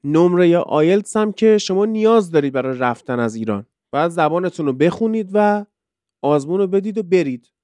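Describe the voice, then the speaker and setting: A man's voice: sits high, animated, a little mellow, no room sound. A man from Iran who teaches English, hosting a casual podcast and explaining things through rhetorical questions.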